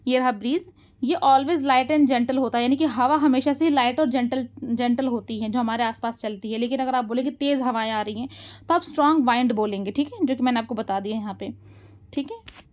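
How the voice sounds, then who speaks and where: A woman with an Indian accent teaching English grammar rules, speaking English slowly and deliberately and her explanations more quickly, repeating points and checking her listeners understand. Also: sits high, darkish tone.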